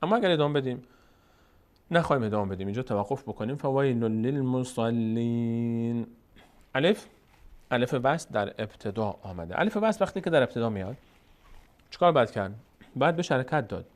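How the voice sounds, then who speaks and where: A man teaching Quran reading step by step, explaining rules and slowly drawing out syllables to model them. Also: medium pitch, very animated.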